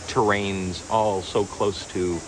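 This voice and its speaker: A man from the United States, a TV producer, speaking in a measured, reflective interview. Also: low voice, little pitch movement. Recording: noisy location recording.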